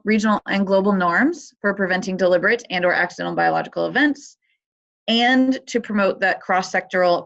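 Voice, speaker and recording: A woman's voice: medium pitch, creaky, fairly bright tone. A woman presenting a webinar, talking through her slides in a conversational way with many fillers, heard over dull computer audio. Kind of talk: explaining a competition on a webinar.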